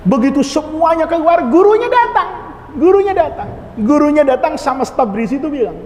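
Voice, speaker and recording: A male preacher telling a story in a humorous, lively way during a mosque sermon. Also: extremely high pitch, moderate pace. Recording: echoey mosque hall, faint noise.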